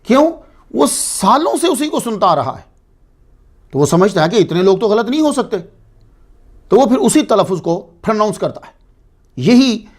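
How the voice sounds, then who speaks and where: High-voiced man giving a religious lecture. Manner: explanatory, asks and answers his own questions. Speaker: religious speaker.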